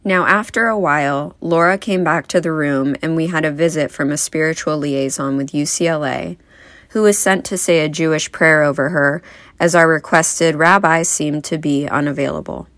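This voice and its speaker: Low-voiced woman giving a wry eulogy. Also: normal speed, no echo. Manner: wry, gently humorous storytelling. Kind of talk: eulogy speech.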